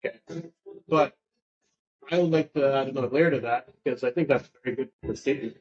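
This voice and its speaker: A man's voice: mid-range voice, fast, darkish tone, dull audio. A man hosting a podcast, talking in a rambling casual way with lots of fillers and restarts. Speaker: podcast host.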